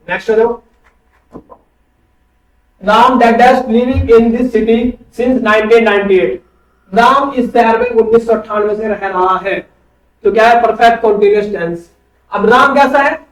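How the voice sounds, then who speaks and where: Man teaching online class, very high voice, asks and answers himself, roomy echo, mic far off. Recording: echoey room, far from mic.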